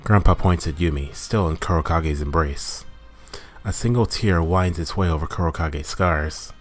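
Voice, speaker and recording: A man hosting a gaming channel, reading a story game's text aloud in a steady, measured way with small slips. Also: low voice, soft background music.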